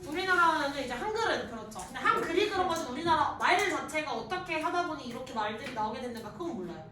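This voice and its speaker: Female teacher with a high voice, brisk explainer, heard from a distant mic in a classroom with students around. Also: expressive, very echoey, a crowd in the background. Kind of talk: classroom grammar lesson.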